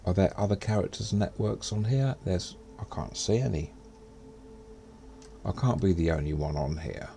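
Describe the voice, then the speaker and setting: A man's voice: low voice, normal speed, vocal fry, mellow, slight background noise. A man streaming a space game, chatting casually as he plays and muttering to himself. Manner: muttering to himself while playing. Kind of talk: casual gameplay commentary.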